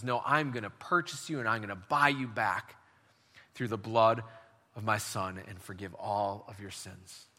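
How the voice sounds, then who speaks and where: A man delivers a sermon with a strikingly bright, forceful tone. He preaches emphatically and leads his listeners in call and response. His voice carries a long reverb, as in a large hall. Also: mid-range voice. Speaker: pastor.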